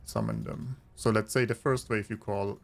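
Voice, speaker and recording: A man with a lowish, creaky voice talks through his game in a casual way. He muses aloud and pauses as he thinks, with faint music underneath. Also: steady tone. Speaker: gamer commentating on own play. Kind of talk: casual gameplay commentary. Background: video game music and unit voices.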